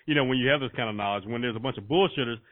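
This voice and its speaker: A man co-hosting a podcast, talking in an animated, casual way, swearing freely and leaning on "you know". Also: mid-range voice, rapid-fire. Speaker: podcast co-host. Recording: narrow phone-like audio.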